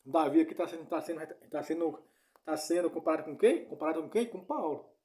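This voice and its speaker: Male preacher, informal teaching, slightly high, warm tone, repetitive, checks in often. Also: brisk. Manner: repetitive, keeps asking "né?" and "entendeu?".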